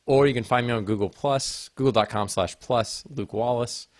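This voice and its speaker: A man's voice: mid-range voice, moderate pace, dry recording. A man co-hosting a tech podcast, giving his contact details in easygoing, hesitant casual chat. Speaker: podcast co-host.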